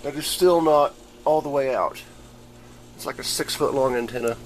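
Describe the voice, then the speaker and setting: A man with a medium-pitched voice talks at a moderate pace while rambling casually through a show-and-tell of his gadgets, explaining like a hobbyist. The audio is clearly noisy, typical of an amateur camera.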